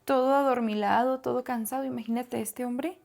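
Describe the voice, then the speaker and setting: A woman's voice: on the high side, steady tone, a little fast, vocal fry, darkish tone. A woman co-hosting a casual Bible discussion, agreeing and adding reflections. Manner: agreeable, fills in with frequent "ujú" and echoes. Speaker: Bible study co-host.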